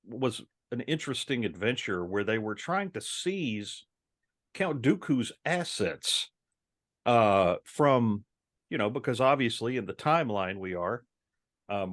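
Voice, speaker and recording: A man's voice: on the low side, animated, measured pace, a bit bright, dry recording, clean studio sound. A man co-hosting a casual podcast, talking at length with many ums and restarts. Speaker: podcast co-host.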